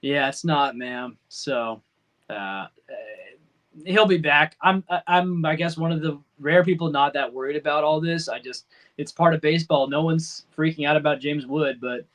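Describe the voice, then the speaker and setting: A man co-hosting a casual fantasy baseball podcast, chatty and quick to joke. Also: fairly high pitch, a bit bright. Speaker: podcast co-host.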